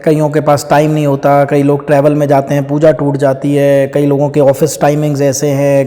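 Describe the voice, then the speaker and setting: A man's voice: a little high, mellow, in a large hall. A man giving a casual spiritual talk, explaining with everyday examples and dropping in English phrases. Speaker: spiritual teacher.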